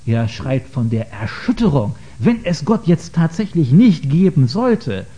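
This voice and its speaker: A man giving a lecture on faith to an audience, earnest and hesitant, often pausing with filler sounds. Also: a little high, very animated, warm tone. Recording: dull lo-fi recording.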